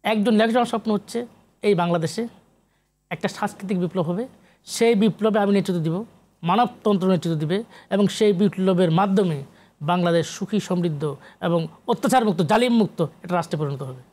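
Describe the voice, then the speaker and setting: A Bangladeshi man with a high, brisk, slightly mellow voice guests on an animated TV interview discussion. As a professor and literary researcher, he lectures emphatically and slips English academic terminology into his talk.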